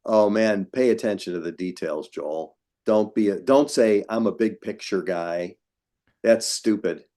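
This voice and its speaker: A man's voice: on the low side, measured pace, mellow. A man in his sixties, a guest on a video call interview, talking frankly and emphatically with self-mocking asides. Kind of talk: casual interview.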